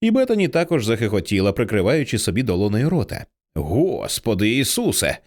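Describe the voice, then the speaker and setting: A male audiobook narrator at a middle pitch reads the story expressively. His intonation is lively, swinging widely across sentences. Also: fast talker.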